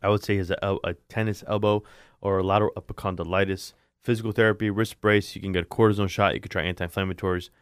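A man's voice: deep voice, level tone, fast talker, smooth, no room sound, clean studio sound. A man who is an orthopedic surgeon, explaining injuries in a casual radio chat, repeating words and laughing easily.

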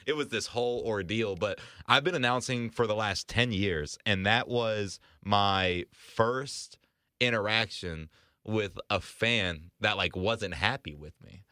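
A man in his twenties, an arena host, telling a story in casual podcast chat, rambling with restarts and quick laughs. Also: lowish voice, bright, forceful tone, no room sound, studio quality. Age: 20s.

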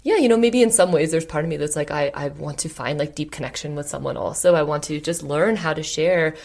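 Low-voiced woman musing aloud. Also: brisk, gravelly, darkish tone. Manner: thoughtful, many "like" and "you know" fillers. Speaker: podcast host. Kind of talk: casual reflective chat.

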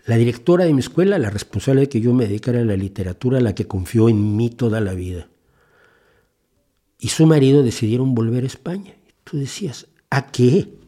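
A man's voice: mid-range voice, lively intonation, brisk, dark tone. A man in his sixties from Mexico, hosting a podcast and delivering an indignant, impassioned opinion monologue with frequent restarts. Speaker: podcast host.

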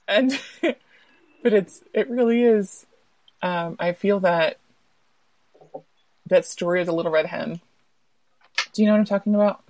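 A woman author as a podcast guest, chatting casually and telling a folktale in an animated way, often restarting phrases. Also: medium pitch, measured pace, pauses often, no room sound. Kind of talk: casual podcast chat and storytelling.

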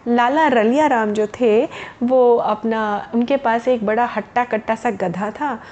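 Lady reading a kids' story, highish voice, slightly muffled, faint hum. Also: measured pace, darkish tone. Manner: explains words, addresses children directly. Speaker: children's storyteller. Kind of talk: storytelling to children.

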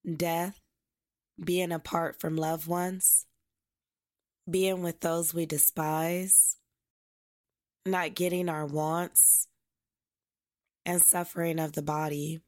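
A woman leads a reflective guided meditation with slow, measured phrasing. Her voice sits slightly low and stays very level, with little melodic movement. The sound is dry and close, free of room echo. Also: a little mellow.

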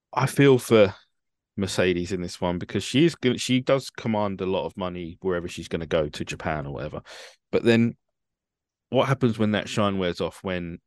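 A man with a very deep voice talks in a dry, wry, opinionated way. His voice sits close and dry, with no room sound around it. He speaks in a relaxed, chatty manner. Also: no room sound. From United Kingdom. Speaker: podcast host. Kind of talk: casual chat.

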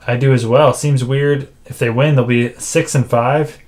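A man co-hosting a casual sports podcast, making game picks in a dry, self-described monotone with frequent filler words. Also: mid-range voice, measured pace. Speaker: podcast co-host.

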